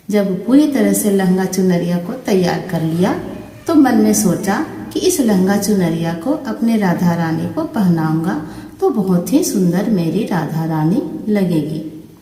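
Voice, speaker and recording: A woman narrates a devotional tale in a gentle, even way. Her pace is unhurried and her tone mellow. She is recorded from a distance in a room with a long, ringing reverb. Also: mid-range voice. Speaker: storyteller and channel host.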